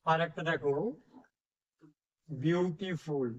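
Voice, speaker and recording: Slow, deliberate man teaching a lesson. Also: a little high, muffled recording. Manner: slow, deliberate, drawn-out example words. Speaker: English tutor. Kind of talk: slow classroom explanation.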